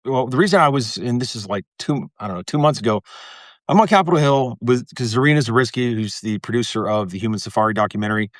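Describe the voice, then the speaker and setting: A man's voice: medium pitch, fast talker, no room sound. Male guest, casual, rambling delivery with frequent restarts; dry close recording. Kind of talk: casual interview talk.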